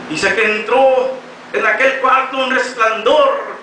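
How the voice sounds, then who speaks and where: A man with a Mexican Spanish accent preaching a sermon in a church, impassioned and often shouting. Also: very high voice, steady tone, slow, a little hiss or hum. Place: church hall. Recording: echoey hall, mic from a distance.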